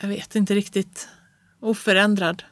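A reader doing an uneasy professor and husband who stumbles and trails off as he speaks. The voice sits mid-pitch, read close and dry as an audiobook of old prose. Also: little pitch movement, a bit bright, no echo, natural voice. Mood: relieved. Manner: hesitant, halting speech. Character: anxious male professor, middle-aged husband. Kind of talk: audiobook reading of classic prose.

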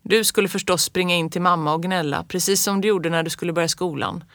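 A grumpy farmer father from a storybook speaks gruffly and a little louder than the rest, as the reader puts him on. He scolds and mocks. The recording is dry and close. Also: medium pitch, fairly even intonation, no echo, natural voice. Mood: gruff scolding.

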